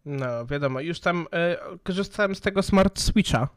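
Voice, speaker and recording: A man's voice: on the high side, animated, normal speed, smooth, dry recording, clean studio sound. A man co-hosting a podcast in casual chat, stumbling over words, with a slight lisp from a missing front tooth. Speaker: podcast co-host.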